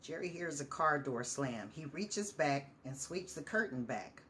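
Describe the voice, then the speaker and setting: A woman's voice: low voice, expressive, unhurried, fairly bright tone, a little hiss or hum. Woman reading her own stories, heartfelt and encouraging, repeats herself, trips on words sometimes. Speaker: storyteller and vlogger.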